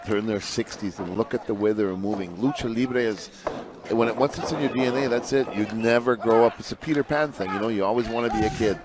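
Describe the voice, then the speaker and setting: A man's voice: lowish voice, fast talker. A man giving conversational color commentary as a lucha libre announcer, colloquial and emphatic, often repeating phrases. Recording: noisy venue with crowd behind.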